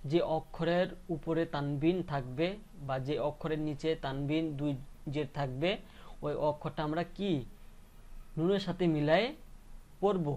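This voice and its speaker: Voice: mid-range voice, darkish tone. A teacher giving a patient, repetitive, step-by-step reading lesson that spells out syllables and keeps checking understanding.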